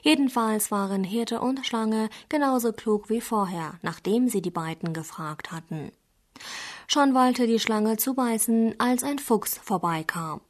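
A woman narrating a fable in an even, clear reading voice. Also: a little high, a little slow. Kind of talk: scripted storybook narration.

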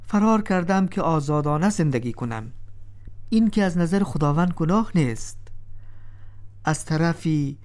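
A man's voice: on the high side, a little mellow, close to an everyday voice. A man voicing a clever, composed slave pleading his case before a king in a told story. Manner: composed, cool-headed pleading. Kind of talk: storybook drama reading.

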